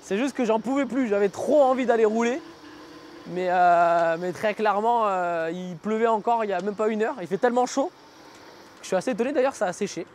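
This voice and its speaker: A man's voice: high-pitched, a little fast, darkish tone, a little hiss or hum. A man giving casual, slangy vlog commentary, thinking aloud while riding outdoors. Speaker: vlogger reviewing an electric scooter. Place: outdoors, riding on city roads.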